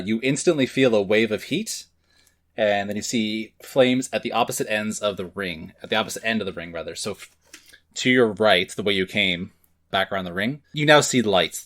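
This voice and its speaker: Man, game master, lowish voice, descriptive, laughs often, restarts sentences. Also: fairly bright tone. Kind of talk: narrating a tabletop game.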